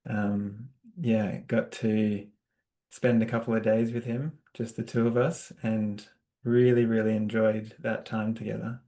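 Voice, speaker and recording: An Australian man hosting a spiritual interview podcast, talking casually with frequent fillers and soft laughs. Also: lowish voice, little pitch movement, measured pace. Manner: warm-hearted, hesitant, with many fillers and laughs. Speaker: podcast host.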